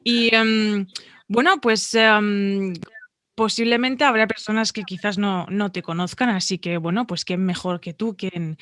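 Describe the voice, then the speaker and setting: Bubbly, bright-voiced woman podcast host. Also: medium pitch, fairly even intonation, unhurried, no room sound, clean studio sound. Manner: chatty, bubbly, rambling. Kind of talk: casual podcast interview.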